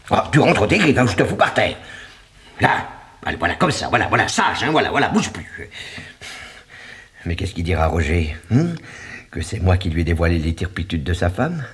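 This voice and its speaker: An actor playing a vain, manipulative crime writer in a 1980s radio drama, theatrical and swinging between cooing whispers and shrill outbursts. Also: male voice, very animated, moderate pace, long pauses, fairly bright tone, slightly rough, exaggerated voice. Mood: gloating. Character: scheming middle-aged male crime writer, vain and manipulative. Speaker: Anselme Leroy, suspect author.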